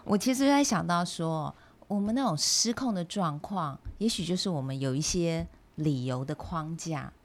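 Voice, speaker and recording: A woman with a low, gravelly voice in casual podcast chat. She speaks thoughtfully and works through her points with examples from her own life. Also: animated, normal speed.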